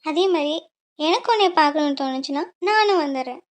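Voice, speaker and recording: A bubbly young bride talks in a cheeky, loving way in a cartoon, voiced by a woman. Her voice is very high and squeaky. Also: lively intonation, fast talker. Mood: cheeky, soothing. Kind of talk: cartoon voice acting.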